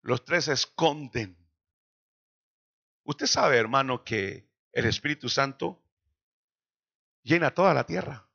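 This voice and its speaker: A man preaching a sermon in a church, slowing down dramatically for quoted lines. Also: mid-range voice, expressive, creaky, bright, forceful tone, husky, highs cut off. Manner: dramatic preaching with slow emphatic quotations. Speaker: pastor.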